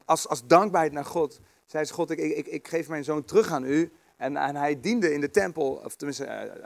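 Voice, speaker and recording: A man giving a relaxed, conversational sermon with many fillers and restarts, reading scripture aloud. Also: a little high, creaky, no room sound. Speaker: preacher. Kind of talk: informal sermon.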